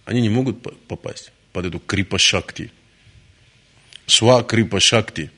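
A man's voice: on the low side, moderate pace, pushed and bright, slightly rough. A man giving a devotional lecture in a conversational, storytelling manner, often restarting his words. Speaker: spiritual lecturer.

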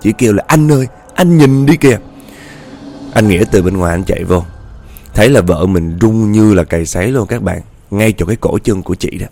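A man's voice: low voice, fast talker, creaky, dark tone. A man narrating a ghost story in a chatty way, often speaking straight to his listeners. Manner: chatty, addresses listeners directly.

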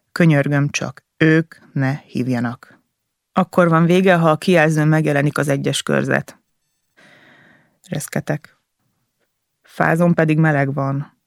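A man narrates a novel in the first person, with a gravelly edge and a slightly higher pitch than most men. His delivery is intense and emotional, broken into short, halting phrases. The recording is dry and close, with no room echo. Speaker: audiobook narrator.

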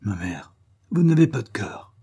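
A man's voice: mid-range voice, moderate pace, mellow, slightly rough, voice pushed up, natural voice. A man voicing an earnest, passionate young viscount who defies his mother in a storybook reading. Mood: defiant. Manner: spirited, defiant, heartfelt.

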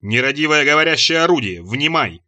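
A stern, condescending boss, put on by a male reader in an audiobook. He spaces each word out slowly and solemnly, and his voice is bright and lively, with pitch that swings widely. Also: full character voice. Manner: slow, solemn, deliberate pronouncements. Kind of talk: audiobook character voice.

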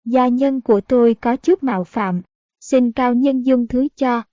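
A woman's voice: fairly high pitch, a little slow, dark tone, no echo, close to an everyday voice. Woman reading as a courteous young prince. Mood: respectful. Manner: courteous, formal. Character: polite young prince, respectful. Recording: dull, dry audiobook recording.

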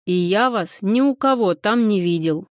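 Женщина-чтец озвучивает грубоватого деревенского мужика, говорит медленно и с нажимом, будто рычит. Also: female voice, mid-range voice, lively intonation, normal speed, dry recording, studio quality, lightly acted. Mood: gruff. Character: gruff rural man, grumpy and blunt.

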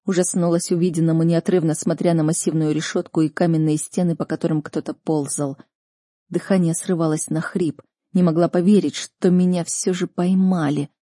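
A woman narrating a first-person story as an audiobook, with a tense, emotional reading style. Her voice is dark, low and husky. The recording is dry and close, with no room sound. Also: dry recording.

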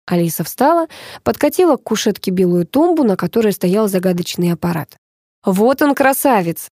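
A woman's voice: mid-range voice, lively intonation, brisk, mellow, no echo. Woman narrating a dry ironic audiobook. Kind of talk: first-person audiobook narration.

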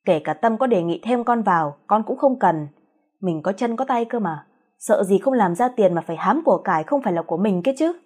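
A woman's voice: medium pitch, animated, brisk, darkish tone, husky. A woman voicing an upset young husband in a storybook reading, questioning his mother indignantly.

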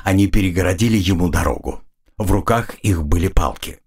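A man narrating an audiobook in an expressive storytelling manner. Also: low voice, a little fast, creaky, husky. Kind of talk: scripted narration.

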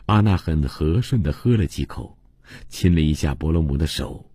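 Male audiobook reader, very low husky voice, dry studio sound, steady and measured. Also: no echo. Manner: measured, even storytelling delivery. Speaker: audiobook narrator. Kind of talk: scripted novel narration. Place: radio studio. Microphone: close studio microphone.

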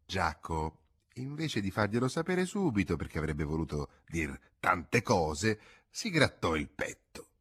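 A man reading a literary novel aloud as a measured audiobook narration. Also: low voice, sing-song, a bit bright, slightly rough. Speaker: audiobook reader. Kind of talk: scripted narration.

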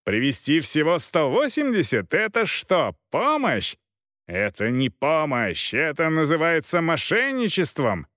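Male reader doing a stubborn, cutting knight, lively pitch, dry close sound. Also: measured pace, no echo, heavily acted. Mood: angry. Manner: cutting, accusing. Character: proud male knight, cold, haggling, quick to anger.

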